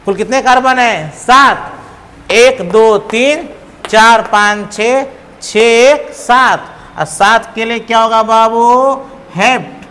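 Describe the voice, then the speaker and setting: Here a male chemistry teacher, high-voiced and unhurried, playfully teases his class, addressing them as babu while counting aloud and quizzing them. His lecture echoes through a large hall with faint background noise.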